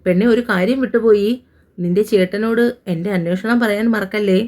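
A woman's voice: medium pitch, fairly even intonation, a little fast, darkish tone, close to an everyday voice. A woman voicing a chatty young nurse who complains to her friend on the phone. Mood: exasperated. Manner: chatty, exasperated.

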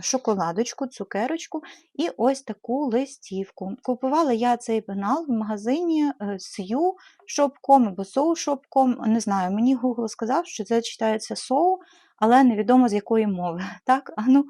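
In a casual show-and-tell vlog, a Ukrainian woman who hosts a knitting channel chats about her supplies, using lots of hesitant fillers and affectionate diminutives. Her voice is a little high and mellow, captured in a dry, studio-quality recording.

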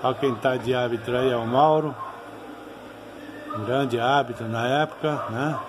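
A man's voice: medium pitch, steady tone, normal speed, background noise. A Brazilian man giving informal, nostalgic commentary as a channel host over old fight footage, often ending phrases with tag questions.

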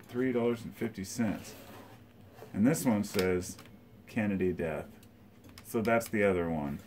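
Pitched fairly low and a little mellow, a middle-aged collector's voice carries over slight background noise. He sits by the record shelf in his living room, casually presenting his box of old tapes while musing aloud and rambling with frequent fillers.

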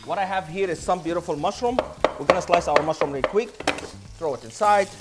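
A chef in his thirties hosts a cooking show from a modern indoor studio kitchen, wearing a lapel mic. His high-pitched voice moves a little fast over a very noisy background. He's enthusiastic and showy, playing the showman to his audience.

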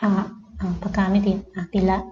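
A woman English tutor with a Thai accent gives children a slow vocabulary lesson, patiently repeating each word slowly. Her voice has a dark tone, with reverb and the highs cut off.

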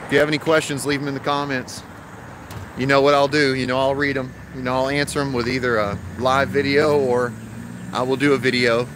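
This HVAC technician, a man in his thirties, talks casually to the phone camera he holds at arm's length while explaining a job step by step on a commercial rooftop. His delivery is flat, medium-pitched, and a little fast, with traffic audible in the outdoor audio.

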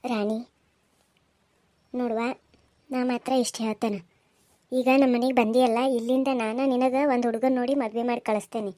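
A woman voicing a stern, protective middle-aged village aunt who scolds loudly, with a North Karnataka Kannada accent. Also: fairly high pitch, flat delivery, normal speed, pauses often, natural voice. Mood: scolding. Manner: scolding, threatening, loud.

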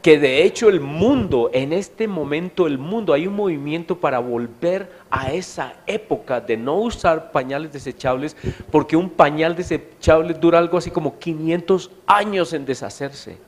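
A man's voice: on the high side, lively intonation, normal speed. Chatty Colombian man preaching. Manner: chatty storytelling, asks the audience questions. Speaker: pastor. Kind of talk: sermon. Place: church meeting hall.

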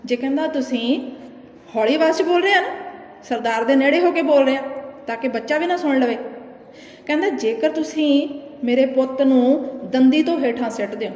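A woman teacher with a Punjabi accent explaining a poem to her students, reciting its verses slowly and then explaining them in plain talk. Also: high-pitched, a little mellow. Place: classroom. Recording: echoey room with faint noise.

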